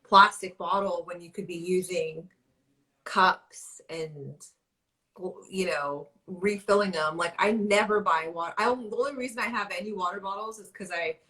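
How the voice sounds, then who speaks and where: A woman's voice: medium pitch, moderate pace, sharp tone, poor audio. A woman co-hosting a podcast livestream from home in casual, teasing chat. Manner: chatty and teasing. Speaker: podcast co-host.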